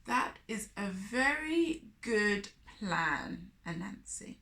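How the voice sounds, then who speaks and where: A woman with a mid-range, sing-song voice tells a story to young children, taking her time and sounding bright and forceful. She's expressive, tossing in exclamations and questions for her listeners. The room has a noticeable echo.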